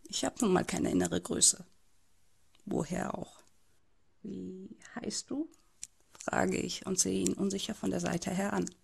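A woman's voice: fairly low pitch, flat delivery, moderate pace, gravelly, darkish tone, breathy edge, heavily acted. A woman voicing a timid, bullied teenage boy who narrates his own story in an amateur audio drama, in a hesitant, subdued way.

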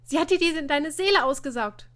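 A woman reading a story aloud and voicing an excitable, nosy teenage schoolgirl who blurts things out loudly and dramatically. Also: measured pace. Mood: dramatic. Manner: loud, high, blurting and dramatic.

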